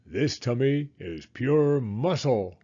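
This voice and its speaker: A man voicing a jolly, proud father pig in a storybook, good-humoured and unhurried. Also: mid-range voice, expressive, dark tone, muffled recording. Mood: jovial boasting.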